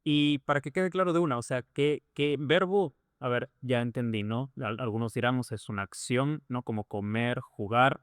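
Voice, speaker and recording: A man's voice: medium pitch, normal speed, few pauses, smooth, no echo, studio quality. A man teaching a lesson, explaining patiently and repeating points through rhetorical questions. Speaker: English teacher.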